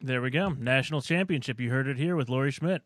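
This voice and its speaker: A man's voice: mid-range voice, fast, dry recording. A man co-hosting a sports radio show, upbeat and hyping up his guest in casual chat.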